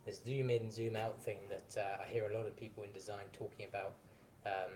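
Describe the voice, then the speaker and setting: A man with a fairly low voice runs a casual interview in a chatty way, with joking asides. A faint rumble can be heard behind him. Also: flat delivery, a little fast, darkish tone, rough recording.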